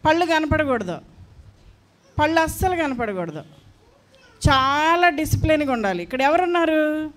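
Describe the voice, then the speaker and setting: A woman's voice: high-pitched, expressive, moderate pace, long pauses. A woman teaching a class of young children at a church school, firm and coaxing, repeating her commands.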